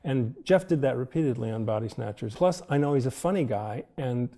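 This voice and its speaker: An older man with a mellow, warm voice recalls his work as a film director in an interview. His delivery is thoughtful and anecdotal, and light chuckles come through. He speaks in an easy, middle-pitched voice. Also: lively intonation, a little fast. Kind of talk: reflective interview storytelling.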